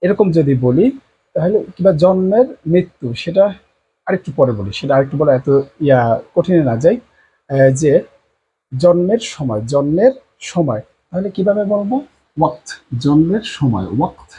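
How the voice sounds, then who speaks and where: A man teaching a language lesson at a board, repeating each word slowly and often, with many drawn-out fillers and a Bangladeshi Bengali accent. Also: a little high, expressive, warm tone, husky, dull audio.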